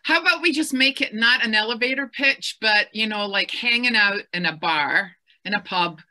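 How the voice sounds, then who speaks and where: A woman's voice: a little high, moderate pace, bright, forceful tone. A Scottish woman interviewing an author over a video call, chatty and enthusiastic with many fillers. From west coast of Scotland. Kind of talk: casual book-event chat.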